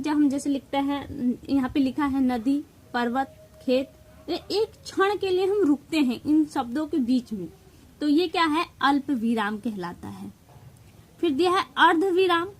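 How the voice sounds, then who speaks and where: A woman with a bright, high voice and a Hindi accent teaching a grammar lesson for exam prep. She explains patiently and step by step, leaning on key terms and slipping English words into her speech. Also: poor audio.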